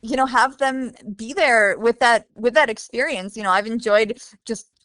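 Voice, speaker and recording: Woman guest from Bosnia, higher voice, dry close sound, detailed and chatty explainer. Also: normal speed, a bit bright, dry recording. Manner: informative, detailed, frequent fillers. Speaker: podcast guest, guide dog handler. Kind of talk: conversational interview.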